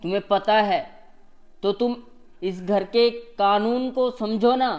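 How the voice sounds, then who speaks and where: A man's voice: high voice, slow. An actor playing a tired young husband back from the office, who lectures his wife and defends his elder brother. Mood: frustrated. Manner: reproachful and lecturing. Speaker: actor in a family short film. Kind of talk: Hindi short-film drama acting.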